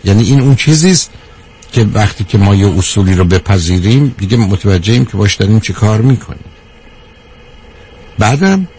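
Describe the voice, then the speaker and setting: A man giving a measured talk to a live audience, counting off his points one by one and answering a question from the room. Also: lowish voice, a little mellow, slightly rough. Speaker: speaker on anger management.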